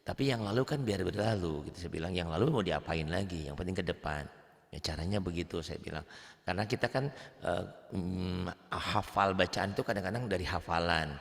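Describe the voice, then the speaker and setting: A man's voice: a little fast, creaky, long reverb tail. A man with an Indonesian accent teaching Quran reading one-on-one, patiently explaining recitation rules. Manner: patient, explains rules then chants verses high to demonstrate.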